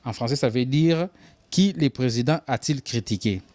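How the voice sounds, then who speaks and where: A man giving a language lesson, slowly repeating each example phrase with care. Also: medium pitch, darkish tone, dry recording. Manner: slow, careful repetition of example phrases. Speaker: English teacher.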